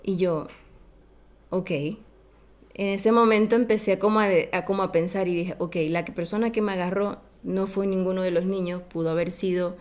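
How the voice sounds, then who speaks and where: A woman guest on a podcast, telling a childhood story in a casual, animated way and acting out the voices of the people in it. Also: mid-range voice, moderate pace.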